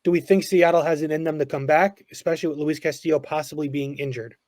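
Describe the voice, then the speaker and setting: A man's voice: on the high side, fairly even intonation, fast talker, a little mellow, no echo, studio quality. A man co-hosting a podcast, leading the talk on to new topics with casual questions. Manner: asks questions to steer the talk. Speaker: podcast co-host. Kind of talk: casual sports chat.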